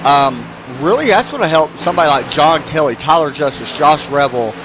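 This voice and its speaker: A man's voice: on the high side, lively intonation, fairly quick. A man hosting his own stream and giving casual, joking race commentary, sometimes chewing as he talks. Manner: laid-back, joking, talks while chewing. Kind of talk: casual sim-racing commentary. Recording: clear background noise.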